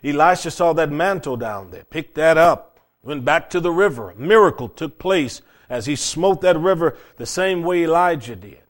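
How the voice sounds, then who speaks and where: A man delivers a sermon in an easy, conversational way, his voice sitting a little high for a man. He speaks plainly and leans on repetition, saying key phrases twice or more to drive each point home. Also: lively intonation, moderate pace. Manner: plain-spoken, repeats phrases for emphasis. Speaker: preacher.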